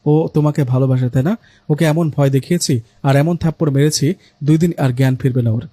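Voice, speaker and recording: A man's voice: on the high side, steady tone, brisk, dark tone, dry recording, close to an everyday voice. A man voicing a mischievous, teasing male ghost in a spoken story.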